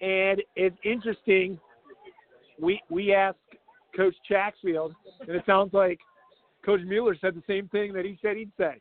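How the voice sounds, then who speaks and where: High-voiced male sports host, thin sound. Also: fairly even intonation, unhurried, phone-quality sound. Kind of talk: live halftime sports commentary with stats. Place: outdoors at a football field. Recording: thin, band-limited broadcast sound.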